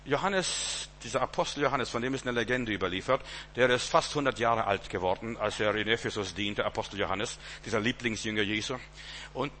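A middle-aged man preaching a sermon, emphatic, rising loud and dropping soft. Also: mid-range voice, slight background noise.

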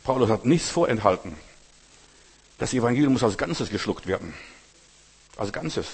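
Emphatic preacher in a reverberant hall. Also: male voice, medium pitch, expressive, normal speed, gravelly, breathy edge. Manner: emphatic, repeats phrases for stress; addresses listeners directly. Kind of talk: sermon.

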